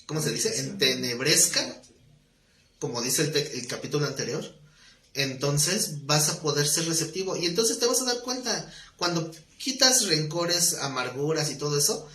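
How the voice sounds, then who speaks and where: A man's voice: fairly high pitch, animated, moderate pace, pushed and bright, reverberant. A man teaching a Bible study class in a conversational way, telling stories with acted dialogue and asking the class questions.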